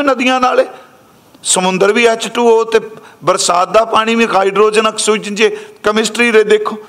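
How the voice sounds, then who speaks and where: A man giving a sermon, explaining scripture word by word and slowing down on the verses. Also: high voice, a bit bright. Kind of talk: scripture commentary.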